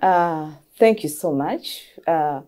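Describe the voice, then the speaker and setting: A woman's voice: low-pitched, slow pace, warm tone. A woman, a doctor, explaining earnestly as a guest in an interview and repeating key phrases for emphasis. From Uganda.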